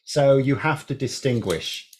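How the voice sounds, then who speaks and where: A man's voice: mid-range voice, animated, unhurried, a little mellow, slight background noise. A man co-hosting a talk show, casually arguing his points in colloquial, discursive conversation. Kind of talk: casual chat.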